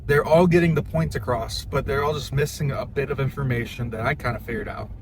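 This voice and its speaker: A man's voice: mid-range voice, fairly quick. A young man giving a casual, plain-spoken how-to talk in an informal way, like a hobbyist teaching a skill. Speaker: hobby duck caller giving a tutorial. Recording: noisy, with car and ambient noise.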